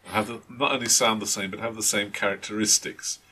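Very deep-voiced, bright-toned man. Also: steady tone, a little fast, breathy edge. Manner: hesitant, many restarts and fillers. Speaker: game master. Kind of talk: casual chat.

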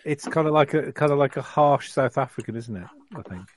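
A man chatting casually as a player in a tabletop game, halting and often repeating his words. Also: mid-range voice, dry recording. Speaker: tabletop role-playing player. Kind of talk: casual chat.

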